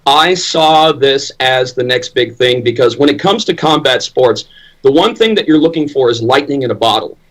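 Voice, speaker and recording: A man's voice: medium pitch, animated, moderate pace, fairly bright tone, poor audio. A man who works as a ring announcer, talking conversationally and emphatically as an opinionated interview guest.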